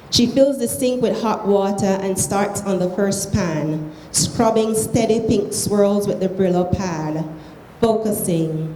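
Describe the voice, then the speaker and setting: A woman with a Belizean accent reads a short story aloud in a soft, mellow voice. The room rings with echo and there is faint noise behind the measured, expressive delivery. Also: medium pitch. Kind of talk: literary reading aloud of prose fiction.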